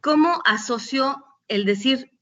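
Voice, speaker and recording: Mexican woman doctor lecturing, high voice. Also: slow, fairly bright tone, muffled recording. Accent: Mexican Spanish. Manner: conversational, with frequent restarts and fillers. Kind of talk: recorded lecture with patient anecdotes.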